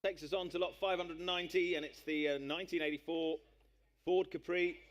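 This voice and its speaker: Man, auctioneer, slightly high pitch, live auction calling, brisk repeated figures. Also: steady tone. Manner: brisk patter with repeated numbers.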